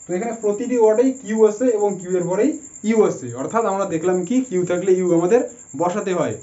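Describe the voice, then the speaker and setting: A man with a high, warm voice teaches spelling rules patiently and spells each word out letter by letter. The recording sounds dull and roomy, with an echo behind him. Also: fast. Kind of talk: explaining a lesson step by step. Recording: dull, echoey room.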